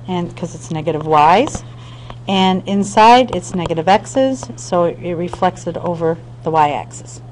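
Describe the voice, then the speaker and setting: A woman's voice: mid-range voice, a little mellow, slight background noise, poor audio. A woman math teacher explaining a lesson step by step, often checking in with her students. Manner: patient step-by-step explaining with frequent check-ins; talks to students directly. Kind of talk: screen-recorded math lesson.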